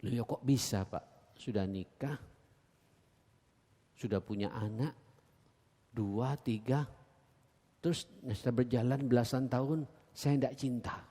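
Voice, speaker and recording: A man with an East Javanese accent preaching a sermon in a mosque. He talks earnestly and keeps addressing the congregation directly, swinging between loud emphatic exhortation and low quiet asides. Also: unhurried, long pauses. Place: large mosque hall. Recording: echoey mosque hall.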